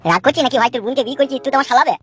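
A crude, swaggering village man, played by a woman, trades insults. The voice is a touch high and rattles along very fast. Faint music sits behind him. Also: fairly bright tone, husky. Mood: bantering. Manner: crude, swearing, bantering.

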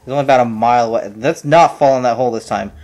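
A man casually commentating his own shooter playthrough, animated and swearing, cracking jokes. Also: mid-range voice, very fast. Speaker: gamer playing through a shooter.

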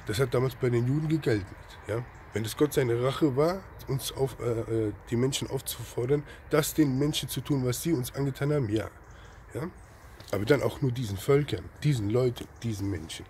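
A man giving an impassioned religious rant, throwing out rhetorical questions and a constant "ja?", swinging between loud outbursts and low murmurs. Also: normal speed, slight background noise.

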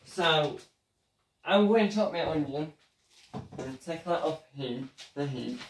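A young man hosting a casual home cooking vlog, chatty and halting as he talks while cooking in a small kitchen. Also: a little high, animated, a little hiss or hum. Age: young adult. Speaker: home cooking show host. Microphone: fixed camera across the room. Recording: echoey kitchen, voice from far off.

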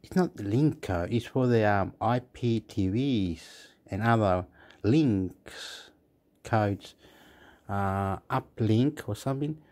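Over a screen recording from his phone, a male vlogger with an Australian accent offers meandering commentary full of repetitions and restarted words. He speaks slowly in a lowish, somewhat dark voice.

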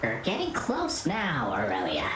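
A woman voicing a calm, wise computer AI guide, reading its lines low and measured. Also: noisy background, exaggerated voice. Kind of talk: reading game dialogue aloud. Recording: echoey room, loud game music.

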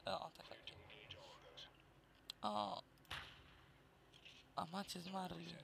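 A man's voice: high-pitched, fairly even intonation, extremely slow, vocal fry, noisy background. A man giving muttered, sarcastic let's play commentary as he plays a shooter. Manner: muttering, sarcastic remarks to viewers.

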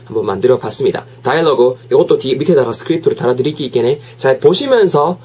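Husky guy teaching english on camera, lively, repeats phrases a lot, mixes languages. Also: medium pitch, fast talker. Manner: lively, switches between Korean and English, drills phrases. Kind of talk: casual video lesson.

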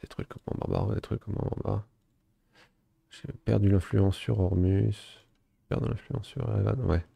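A man's voice: on the low side, level tone, moderate pace, creaky, mellow, breathy edge, no room sound. A man casually commenting on a strategy game as he plays, thinking aloud with many fillers. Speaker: gaming video host. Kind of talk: casual let's play commentary.

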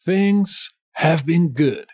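A man with a Castilian Spanish accent teaching a language lesson, repeating each phrase slowly and explaining grammar in asides. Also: a little high, lively intonation, a little mellow, slightly rough, no room sound, studio quality. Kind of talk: slow bilingual phrase lesson.

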